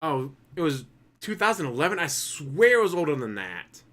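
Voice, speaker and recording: A man's voice: a little high, sing-song, normal speed, a bit bright. A man reacting live to another streamer, making sarcastic, mocking comments.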